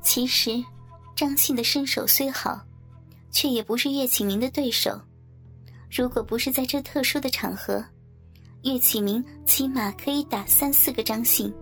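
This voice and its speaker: A woman narrating a martial-arts novel in a steady storytelling manner. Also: on the high side, moderate pace, husky. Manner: steady storytelling, acts out characters. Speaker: audiobook narrator. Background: faint background music.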